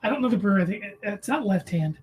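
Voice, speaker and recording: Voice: medium pitch, expressive, racing, a little mellow, slightly rough. A podcast co-host chatting casually over beers, rambling through anecdotes and correcting themselves as they go.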